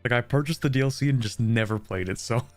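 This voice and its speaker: A man's voice: medium pitch, quick pace. A man chatting casually as he plays a strategy game alongside a streamer. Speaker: gamer, co-op partner on stream. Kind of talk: casual gaming chat. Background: music.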